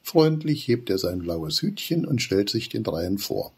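Male narrator reading a children's storybook, deep and lively, very husky. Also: unhurried.

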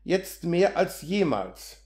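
An impatient male land surveyor, as a man reading an audiobook puts him on, snapping out sharp, exasperated demands in a slightly high voice. The audiobook is recorded in a roomy space with a clear echo. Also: big pitch swings, slow pace, exaggerated voice.

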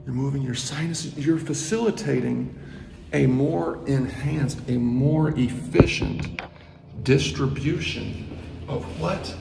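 Music runs under this clip of a movement instructor in his thirties walking through an indoor stairwell and demonstrating to his phone camera, held at arm's length. His mid-range voice is creaky, and he talks in a slow, drawn-out way, murmuring asides down to near whisper. The stairwell adds echo and noisy ambience.

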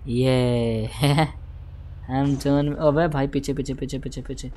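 A man doing live gameplay commentary, talking straight to his viewers, repeating words in quick bursts and humming la-la while he plays. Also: medium pitch. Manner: excitable, repeats words in rapid bursts, hums la-la while playing; talks directly to viewers, asking for follows and shares. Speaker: gaming livestreamer.

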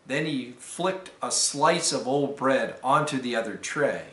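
A man, a deacon, reading a fable aloud to students in a careful, measured storytelling manner. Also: medium pitch, fairly bright tone. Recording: roomy echo.

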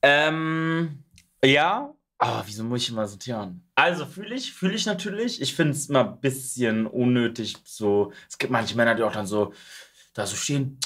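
A young man streaming, casually reacting to videos and breaking into high shrieking outbursts. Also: animated, normal speed, fairly bright tone. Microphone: studio mic on arm, headphones.

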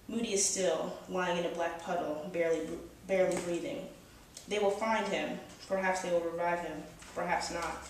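Brief: young woman author reading dark fiction aloud, measured and monotone, captured from a distance with heavy room echo and faint noise. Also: lowish voice. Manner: steady, measured reading from the page. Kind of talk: first-person dark fantasy reading. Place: small cafe with brick walls, indoors. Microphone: far camera, no close mic. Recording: very echoey cafe, mic far off.

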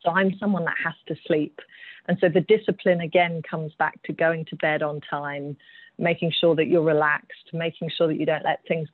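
A woman from the United Kingdom with an English accent, a mining executive, speaks earnestly on a panel held over video call, often repeating words as she thinks. Her voice is deep and flat at a moderate pace, with no room sound, and the call audio is tinny and phone-like.

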